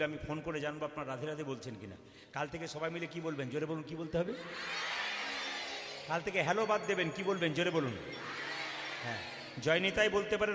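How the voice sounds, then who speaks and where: A man leading a devotional kirtan, urging the crowd to chant along in a mix of speech and song. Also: high voice. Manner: exhorts the audience loudly, alternates speech and sung chants. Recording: echoey hall with loud music. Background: devotional music.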